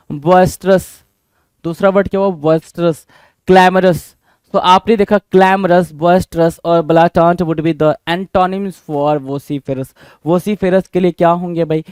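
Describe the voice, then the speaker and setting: Energetic high-voiced vocabulary teacher. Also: male voice, clear, resonant tone, no room sound, studio quality. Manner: energetic, drills words with repeated questions. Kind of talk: exam-prep vocabulary lesson.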